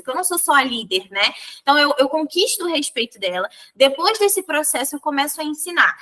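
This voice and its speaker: A high-pitched woman with a Brazilian Portuguese accent, talking as a guest in an interview. Her tone is bright and sharp, and she is lively, often acting out conversations with her team. She tags many of her sentences with a quick "né?". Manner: acts out her own dialogue with her team. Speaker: sales leader, interview guest.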